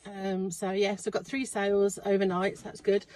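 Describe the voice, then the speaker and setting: A middle-aged woman talks casually to her camera, rambling with plenty of ums and uhs. Her pitch sits in the ordinary middle for a woman, and there is a faint hiss of noise behind her. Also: completely flat delivery, normal speed, low-quality recording. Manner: chatty, rambling, many fillers; talks quietly inside the unit. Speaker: online reseller. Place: storage unit.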